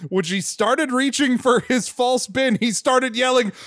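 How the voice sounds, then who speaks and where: A man co-hosting a comedy podcast, reading a listener's story aloud and shouting the quoted lines. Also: very high-pitched, measured pace, dry recording, clean studio sound.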